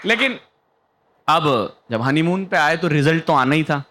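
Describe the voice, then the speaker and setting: A man's voice: a little high, animated, a little slow, crowd noise, noisy background. A young man performing a stand-up comedy set on stage, telling a story and acting out the other people in it. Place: stage before a live audience.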